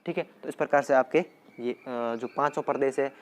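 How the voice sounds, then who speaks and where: Male teacher, slow repetitive dictation, faint hiss and birds behind. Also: medium pitch. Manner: slow, repetitive dictation with frequent "theek hai" check-ins. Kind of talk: exam-prep geography lesson.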